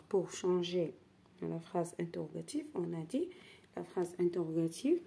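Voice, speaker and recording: A woman teacher explains grammar slowly and patiently and often repeats key phrases. Her voice is low and gravelly with a husky edge. She has a mellow, unhurried delivery. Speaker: French teacher. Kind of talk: explaining grammar exercise corrections.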